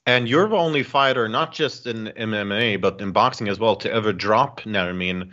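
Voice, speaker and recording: Forceful low-voiced male interviewer. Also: normal speed. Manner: fluent, articulate. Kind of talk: conversational sports interview questioning. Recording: dull, band-limited audio.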